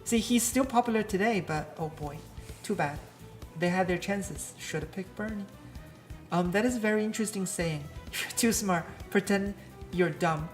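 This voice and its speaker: A woman's voice: medium pitch, moderate pace, faint music behind. A woman streamer in casual chat, talking loosely with lots of restarts and dry jokes.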